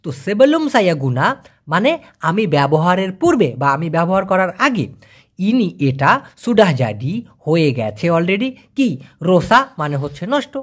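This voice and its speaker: Brief: language tutor from Bangladesh, animated up-and-down delivery, drills pronunciation slowly and patiently. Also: medium pitch. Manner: encouraging asides to learners. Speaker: language teacher. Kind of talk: online language lesson.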